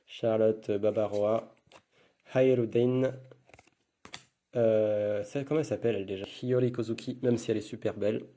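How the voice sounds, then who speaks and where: A man's voice: on the low side, mellow. A man giving casual running commentary while opening trading card packs, murmuring card names one after another.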